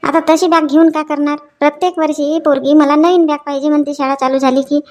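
A woman's voice: sits high, flat delivery, fairly quick. A woman playing a mother in a comedy sketch, haggling over prices with a sarcastic, scolding edge. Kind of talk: comic sketch acting.

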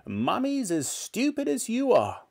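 Reading as a nasty storybook granny, a man puts on an exaggerated, very high, gravelly voice that swoops wildly despite a darkish tone, going a little slowly. The character barks commands with scorn and delights in all things gross.

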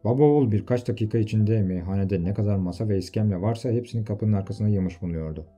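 Male audiobook narrator, very low dark voice, faint music under it. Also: quick pace. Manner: steady storytelling. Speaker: audiobook reader. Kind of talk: scripted novel narration.

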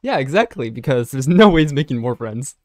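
A man's voice: medium pitch, a little fast, no room sound. A young man hosting a let's play, chatting casually and jokily over the game and reading its lines aloud. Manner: animated, jokey, reads game lines aloud. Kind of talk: casual gameplay commentary.

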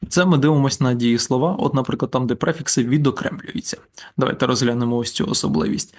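Male language teacher, patient explainer, mid-pitched, walks through slides and drills example words slowly. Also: a little mellow. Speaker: German teacher. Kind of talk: slide-based grammar lesson.

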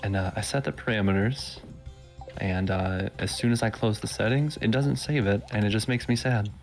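A man chatting casually on a gaming stream, mellow and hesitant with many fillers. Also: on the low side, moderate pace, faint music behind.

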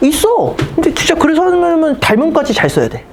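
Thirties math teacher, lively pitch, blunt teasing classroom banter, faint background noise. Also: a little fast. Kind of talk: casual classroom lecture.

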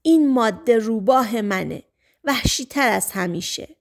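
A woman's voice: a little high, animated. A woman reading an audiobook, voicing a pushy young man who first coaxes and then threatens. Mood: menacing.

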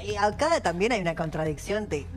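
A woman's voice: mid-range voice, lively intonation, fairly quick. A woman with a Rioplatense Argentine accent speaking on a political panel in an ironic, critical tone. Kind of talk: panel debate.

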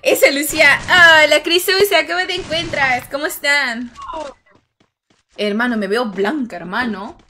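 High, bright-voiced gaming streamer woman. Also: measured pace, slight background noise. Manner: chatty and joking, thanks viewers and reacts to play. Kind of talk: casual livestream chat while gaming.

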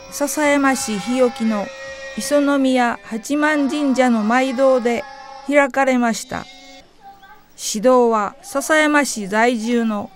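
A woman reading scripted narration for a local event video in a measured, formal announcing manner. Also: high voice.

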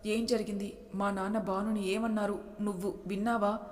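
A woman's voice: medium pitch, level tone, moderate pace, close to an everyday voice. A woman voicing a possessive, teasing young husband who is tender underneath, in a storybook reading. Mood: teasing, commanding. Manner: teasing, commanding. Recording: long hall reverb.

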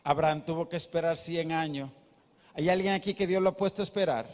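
Male pastor, high voice, emphatic sermon style, long church-hall echo. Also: brisk, a little mellow. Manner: emphatic, questions the congregation.

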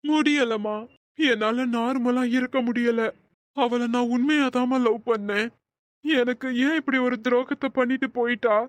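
A woman's voice: fairly high pitch, measured pace, no echo, lightly acted. A woman voicing a hurt, resentful young husband in a storybook drama, talking plaintively to his mother. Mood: pleading. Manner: plaintive, sulking.

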